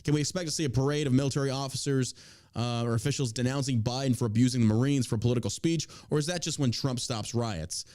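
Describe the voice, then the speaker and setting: American male political talk host, mid-pitched, opinionated, emphatic, sweary, casual delivery. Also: fast, a little mellow. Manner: opinionated, emphatic, heavily profane. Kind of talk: casual political commentary, reading out news and tweets.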